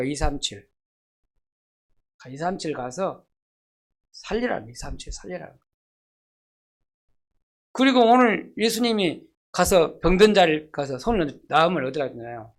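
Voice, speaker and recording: A pastor delivers an emphatic sermon, firing rhetorical questions at the congregation. The voice rises to loud emphasis, then drops to soft, low asides. Scripture quotes are read slowly and deliberately. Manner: reads scripture quotations slowly.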